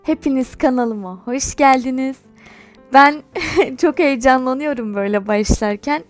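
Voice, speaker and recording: In this laid-back storytelling vlog, a young adult YouTuber speaks in a high voice at a measured pace over soft background music. She chats animatedly and laughs while recounting something personal.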